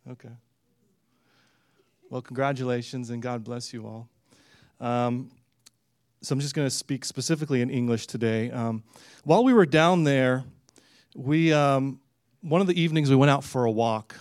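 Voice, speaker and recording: A man preaching a sermon, telling a story in a relaxed, conversational way with frequent fillers and pauses. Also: mid-range voice, no room sound, clean studio sound. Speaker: pastor.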